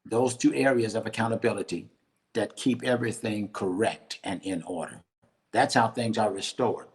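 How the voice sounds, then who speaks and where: An older man, a bishop and guest, teaching in conversation at a measured pace and often repeating words as he thinks. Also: fairly low pitch.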